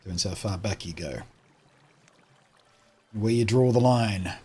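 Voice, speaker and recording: A man with an Australian accent streams a game from home, casually chatting and answering viewers' comments while he plays. His voice is lowish and a little mellow, unhurried, with a breathy edge.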